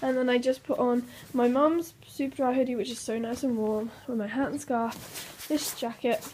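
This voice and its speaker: This is an upbeat, chatty young adult woman vlogging casually to the camera, frequently on a hike. She speaks at a normal speed in a steady, slightly mellow voice on the high side. Recorded on a phone at arm's length, both indoors and on a windy hillside, the sound is noisy.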